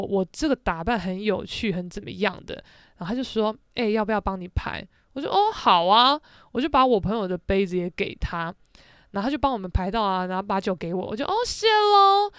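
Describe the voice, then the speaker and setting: A woman with a Taiwanese Mandarin accent hosting a podcast, telling a personal story in a brash, sassy way that bursts into loud indignant rants. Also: mid-range voice, clear, resonant tone, dry recording, clean studio sound. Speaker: podcast host. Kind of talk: casual storytelling monologue.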